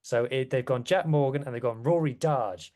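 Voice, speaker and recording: A man's voice: medium pitch, moderate pace, mellow. A man chatting casually as a rugby podcast guest, with wry, self-deprecating asides. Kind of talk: casual chat.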